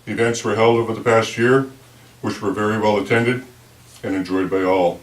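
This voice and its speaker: As chair of a local board meeting, a man gives a formal prepared address in a lowish voice at a moderate, fairly even pace. A dental appliance gives him a lisp and a whistling s. He's in an indoor village board meeting room, picked up by a distant microphone that sounds roomy.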